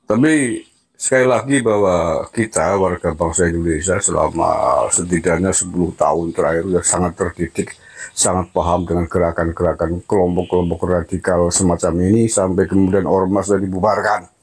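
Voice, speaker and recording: A man gives an opinionated political monologue, switching between a steady lecturing tone and heated, mocking taunts. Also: low voice, normal speed, breathy edge. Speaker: political commentator.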